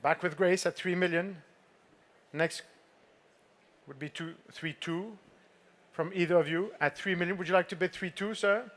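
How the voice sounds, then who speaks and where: High-voiced man, fine art auctioneer calling bids. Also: fairly even intonation, normal speed, long pauses, a bit bright. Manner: poised, formal fine art auctioneer delivery, polite prompts to bidders. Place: auction saleroom with bidders present.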